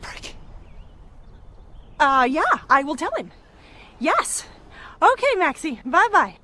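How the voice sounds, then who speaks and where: An actress playing a chatty, flustered friend who rambles and stalls mid-sentence. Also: female voice, high-pitched, very animated, slow pace, pushed and bright, a little hiss or hum, full character voice. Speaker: friend of the lead. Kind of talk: film acting.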